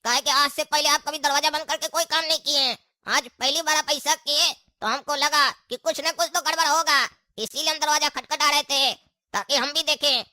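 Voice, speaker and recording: Woman doing a sassy whiny kid, super high and bright. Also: fairly even intonation, normal speed, no room sound, studio quality. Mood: nosy. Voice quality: whiny, cheeky back-talk. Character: cheeky lazy grown child of the house. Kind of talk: comedy skit acting.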